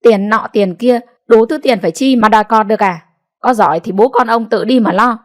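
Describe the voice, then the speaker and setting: A woman voicing a bitter, sharp-tongued old mother-in-law who scolds and snaps at her family. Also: mid-range voice, fairly quick, lightly acted. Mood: scolding. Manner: scolding, snapping, grudging.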